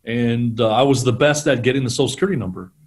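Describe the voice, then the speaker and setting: A middle-aged man, a guest on an interview show, telling animated stories about selling and laughing often. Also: medium pitch, fast. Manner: animated storyteller, acts out quotes, laughs often. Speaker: guest, sales trainer. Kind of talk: conversational storytelling interview.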